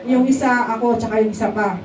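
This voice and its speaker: At a worship service in a church hall, a Filipina woman gives her testimony casually and conversationally, often asking the congregation to agree and checking in with them. Her voice is a little high, fairly quick and fairly even, picked up from a distance in the echoey hall with a crowd and faint noise in the background.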